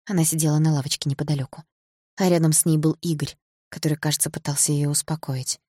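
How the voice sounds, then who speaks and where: A woman with a low, husky voice narrating a first-person audiobook with intensity. The sound is dry and close. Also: steady tone, quick pace, warm tone, dry recording. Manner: intense, emotional storytelling.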